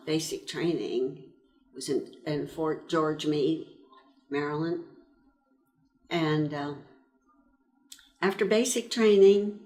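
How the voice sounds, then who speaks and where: With a deep, slightly mellow voice, a World War II army nurse veteran in her nineties, from eastern Pennsylvania, USA, reminisces in an oral-history interview. She recounts her years of service slowly, reflecting and pausing often.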